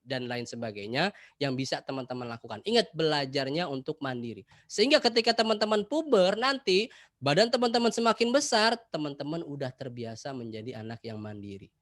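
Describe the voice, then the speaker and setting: A man giving an online class talk to schoolchildren, lively and addressing them directly over a video call. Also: medium pitch, brisk, no room sound, clean studio sound. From Jakarta. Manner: lively, addresses children directly, acts out examples. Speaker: presenter for schoolchildren.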